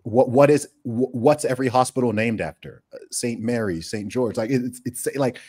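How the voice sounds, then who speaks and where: A man's voice: mid-range voice, moderate pace, husky. A man born in the UK and raised in Saudi Arabia, hosting a casual podcast conversation, emphatic and full of rhetorical questions. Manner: animated, emphatic, rhetorical questions, frequent restarts. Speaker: podcast host.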